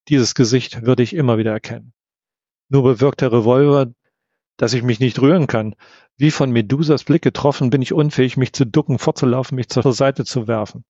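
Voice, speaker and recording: Gravelly male audiobook narrator. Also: medium pitch, mellow, dry recording. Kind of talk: first-person audiobook narration. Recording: dull, slightly lo-fi.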